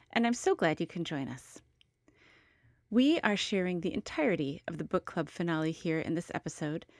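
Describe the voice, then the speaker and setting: A woman with a lowish voice opens her podcast with a scripted, welcoming introduction. The recording is close and dry, with almost no room sound. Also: dry recording. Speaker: podcast host.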